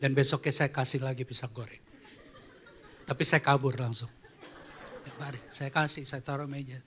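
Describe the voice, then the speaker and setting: A man's voice: medium pitch, little pitch movement, moderate pace, fairly bright tone, a little hiss or hum. A man who is a pastor, preaching a storytelling sermon at a church service in a conversational way and asking the congregation questions.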